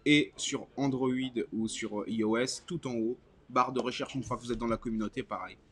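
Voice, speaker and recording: A man's voice: mid-range voice, a little fast, a bit bright, husky. A man who is a native Portuguese speaker, co-hosting a casual live chat and explaining things informally. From Portuguese-speaking country, moved to France at twelve. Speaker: co-host and community moderator.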